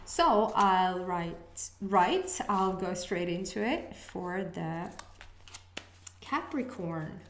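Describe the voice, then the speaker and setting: A Swedish-born woman with a Swedish accent and a lowish voice gives a relaxed intuitive astrology reading to camera for her channel. She's hesitant and musing, pausing to sense messages as she tunes in. The room echoes, and there's a little hiss or hum.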